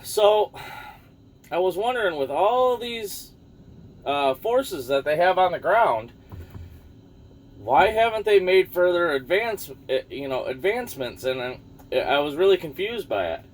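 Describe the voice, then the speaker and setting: A man's voice: high voice, sing-song, measured pace. A man rambling casually about the news to his viewers, losing his thread now and then and swearing offhand. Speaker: vlogger.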